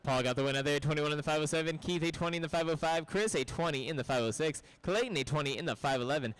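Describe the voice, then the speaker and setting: A fairly high-voiced man working as race announcer, firing off driver names and finishing results in a brisk, practical way. He talks to the drivers over the track speakers at an indoor RC raceway, keeping the heat moving. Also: fairly bright tone, no room sound, poor audio. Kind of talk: live race-control announcing.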